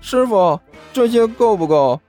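Dude doing a whiny young apprentice guy, high and pleading. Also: expressive, unhurried, mellow, soft background music. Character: young male apprentice, eager and distracted.

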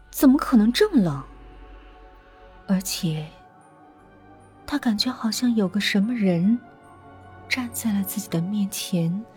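A woman narrating a ghost story dramatically, slowing down and hushing at the tense moments. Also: mid-range voice. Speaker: storyteller host. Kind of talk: horror audiobook narration. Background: faint music.

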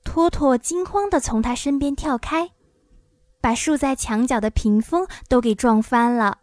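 Woman narrator for a children's storybook; bright higher voice, dry and close. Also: a little slow, dry recording.

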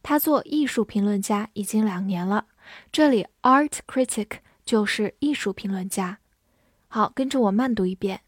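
A woman teaching English vocabulary, spelling words letter by letter and reading example sentences slowly. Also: mid-range voice, no echo, clean studio sound. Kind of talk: vocabulary lesson.

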